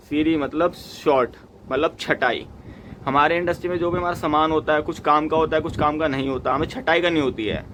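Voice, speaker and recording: A young man with a somewhat high voice explains workplace methods like a mechanical engineer talking to trainees. He keeps it conversational and drops in quick acted asides. A faint hum sits behind him. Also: fairly bright tone. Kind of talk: casual explanatory talk to camera.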